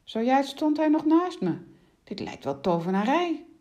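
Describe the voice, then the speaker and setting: A woman playing a fussy male huntsman, high and strained, loud exclamations, storybook reading. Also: very animated, moderate pace. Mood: flustered. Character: flustered male huntsman on horseback, evasive.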